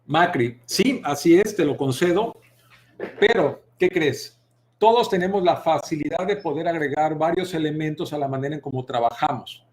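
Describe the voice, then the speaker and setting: In his Mexican Spanish accent, a public speaking coach from Mexico addresses viewers head-on during a live web masterclass. He varies his volume, pitch and tempo intentionally as a vocal demonstration, keeping the whole thing expressive.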